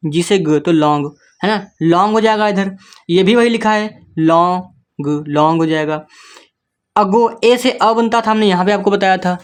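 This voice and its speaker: A man gives a beginner's reading lesson, building each word slowly from its letters. His talk is patient and repetitive, with frequent check-ins with the learner. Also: high voice. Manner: patient, spells words letter by letter, keeps checking in with the listener. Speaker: English reading teacher. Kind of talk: step-by-step spoken lesson.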